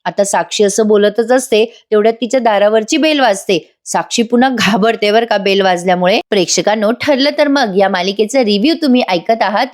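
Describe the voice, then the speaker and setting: A woman hosting a voice-over review, recapping a TV serial and chatting to viewers with wry asides. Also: mid-range voice. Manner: chatty, addresses viewers, comments wryly.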